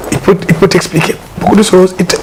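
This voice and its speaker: A man, an art dealer and collector, explaining his pieces in a casual interview, halting and repeating words as he goes. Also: high voice, little pitch movement. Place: exhibition hall with his collection. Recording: noisy background hiss.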